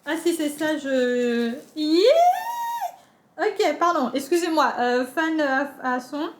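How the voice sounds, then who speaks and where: A woman's voice: sits high, slow pace. A French woman chatting casually as a book vlogger, unboxing with many fillers and restarts.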